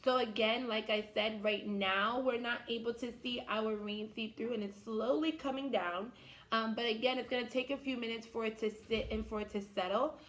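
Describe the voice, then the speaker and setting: A woman's voice: a little high, steady tone, moderate pace, fairly bright tone. A woman teaching young children step by step, in the manner of a kids show host. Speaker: children's teacher hosting a science activity.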